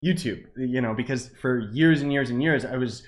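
A man rambles through a casual gaming vlog in an easygoing, filler-heavy way. His voice sits at an ordinary middle pitch. It bounces with heavy echo and reverb, as if recorded in a big, bare room. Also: moderate pace. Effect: echoey reverb in the room. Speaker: gaming YouTuber.

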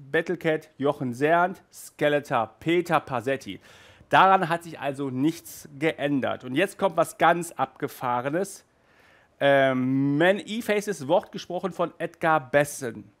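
A man in his thirties who reviews audio dramas talks into a headset mic in a chatty, animated video review, gesturing with his hands. His voice is fairly high. He's indoors in a small, stuffy room lined with toy shelves, and he's hot and sweaty.

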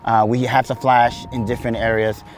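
Standing on a house roof, a man in his forties who runs a roofing channel chats with viewers as "guys" in an upbeat, salesy, casual way, with the front yard also part of the outdoor setting. His mid-range voice barely moves in pitch and runs a little fast. The recording is low quality, with background music under the voice.

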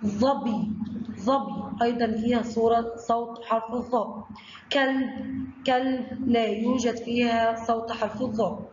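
A woman's voice: fairly high pitch, darkish tone. Egyptian lady teacher doing a kids phonics lesson, drags out the syllables, faint hiss in the background. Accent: Egyptian Arabic. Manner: slow drawn-out syllables, addresses children directly. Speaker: primary school teacher. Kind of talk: recorded online phonics lesson for children. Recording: echoey room, dull lo-fi sound, faint noise.

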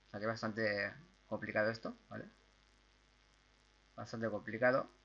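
A young man from Spain with a Spanish accent, chatting his way through a video game with excitable outbursts and repeated words. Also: fairly low pitch, moderate pace, vocal fry, lo-fi sound. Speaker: gaming YouTuber. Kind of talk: casual gameplay commentary.

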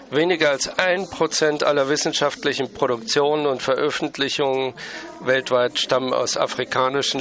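A man interpreting a conference talk live, halting often with fillers and restarts. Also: mid-range voice, a bit bright.

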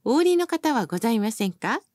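The speaker is a woman reading bus announcements in a fairly high, lively voice with a melodic contour, and she talks fast. She stays courteous and formal, enunciating carefully. Captured close and dry, the sound carries no echo.

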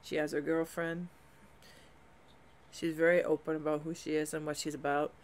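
A middle-aged woman, a music reaction vlogger, chats casually from a small room at home, enthusiastic and rambling, often restarting sentences and laughing. Her voice is low-pitched, her delivery flat, her pace moderate.

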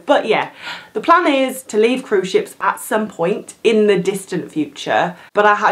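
A young woman, a cruise ship crew vlogger, chatting casually and animatedly to camera in a plain room, laughing often. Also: mid-range voice. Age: young adult.

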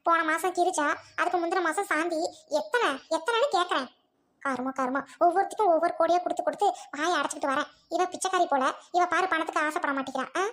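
A woman's voice: very high-pitched, quick pace, fairly bright tone. A woman playing a domineering rich mother-in-law who scolds and threatens, in an amateur family drama. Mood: scolding. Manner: bossy, scolding, harsh commands.

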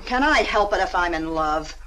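A woman's voice: fairly low pitch, animated, moderate pace, a bit bright, a little hiss or hum, poor audio. An actress playing a scheming, cruel young woman in a 1940s film, mocking and contemptuous. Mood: defensive.

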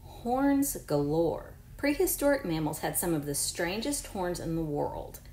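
A mellow, fairly low-voiced woman in her forties, a teacher, reads a picture book aloud to young children, speaking a little slowly but with lots of animation. She encourages them, adds chatty asides and asks the unseen kids questions. The room has a roomy echo and faint background noise.

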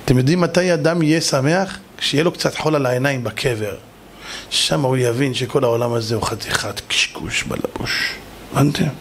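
A man, a rabbi, telling a story in a lively sermon, slangy and addressing his listeners directly. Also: mid-range voice, slight background noise. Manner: animated, slangy, talks to the audience. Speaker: rabbi, preacher.

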